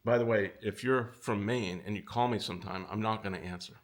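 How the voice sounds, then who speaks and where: A middle-aged man hosting a casual commentary video, talking with animated exasperation that pushes his pitch up. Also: brisk. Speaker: audio company owner and video host.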